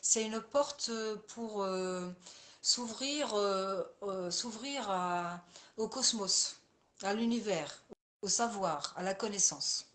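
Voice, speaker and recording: A woman coach chats informally with her viewers in a live session, repeating phrases as she goes and addressing people by name. Her voice sits at a middle pitch. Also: slow, fairly bright tone. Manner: repetitive, circling back over phrases; speaks directly to viewers by name. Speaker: coach and therapist. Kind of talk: casual live coaching talk.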